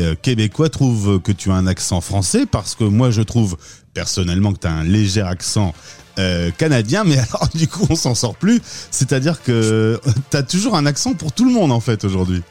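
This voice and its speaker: Man, from France, podcast host, low voice, friendly interviewer. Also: animated, normal speed, a little mellow.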